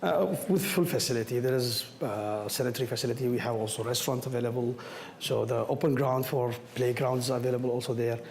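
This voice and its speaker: Answering audience questions at a public astronomy-group talk, a man whose first language isn't English speaks with a worn, hoarse voice almost lost to a cold. He has a medium, darkish voice and stumbles along, repeating words and phrases. Background noise and echo fill the indoor room where the audience sits.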